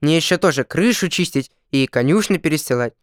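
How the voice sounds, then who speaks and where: A man's voice: fairly high pitch, expressive, fairly quick, no echo, studio quality, natural voice. A man doing a nervous, stammering peasant. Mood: earnest. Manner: earnest, flustered, stammering. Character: nervous, earnest peasant potter, father of many. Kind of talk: storybook reading.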